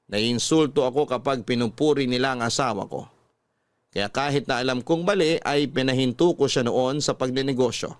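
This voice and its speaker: Over background music, a Filipino radio drama host reads out a listener's letter as narrator, his delivery scripted and dramatically storytelling. The voice sits at medium pitch and is captured dry in the studio, with no echo.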